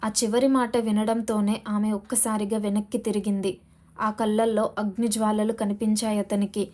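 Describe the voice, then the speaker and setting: A woman narrating a novel in a steady, dramatic storytelling manner. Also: medium pitch, normal speed. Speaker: audiobook narrator.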